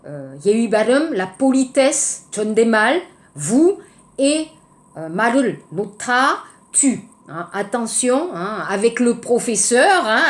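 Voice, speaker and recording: A woman teaching a French class, speaking slowly and repetitively, mixing in Korean words and checking in with "d'accord?". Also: fairly high pitch. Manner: often tags phrases with "hein, d'accord?". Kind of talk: classroom lecture to Korean students.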